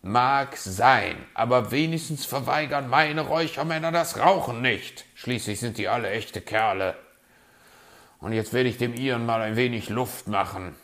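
A man's voice: mid-range voice, normal speed, a bit bright, voice pushed up, natural voice. Man doing a grumbling, know-it-all fox. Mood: sardonic. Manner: grumbling, gruff, sardonic.

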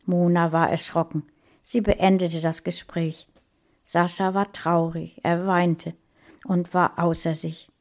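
A woman reading a fantasy story aloud in a calm, even way. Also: fairly low pitch, takes it slowly. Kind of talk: audiobook narration.

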